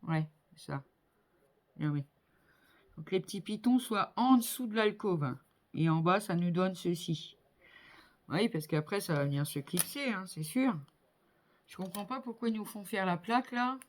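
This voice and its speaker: A woman's voice: mid-range voice, normal speed, long pauses. A middle-aged woman chatting casually as she builds a model kit, thinking aloud with many fillers. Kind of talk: casual hands-on crafting commentary.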